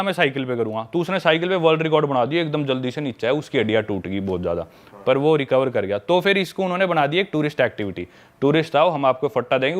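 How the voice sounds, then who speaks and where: A young adult man casually telling a long travel anecdote in a podcast chat, chatty and animated. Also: mid-range voice. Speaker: travel vlogger telling a story.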